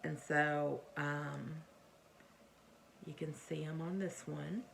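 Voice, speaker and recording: Her voice sits low and slow, with fairly even intonation and a slight brightness, as this middle-aged crochet vlogger casually shows her things to camera. She rambles hesitantly, often trailing off or correcting herself, over faint background noise and occasional chair creaks.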